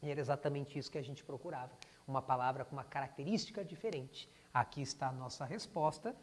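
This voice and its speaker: A man's voice: mid-range voice, quick pace, slight background noise. A Brazilian man teaching grammar to students, who calls himself "o prof" and keeps calling the class "gente". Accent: Brazilian Portuguese. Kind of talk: classroom lesson. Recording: long hall reverb.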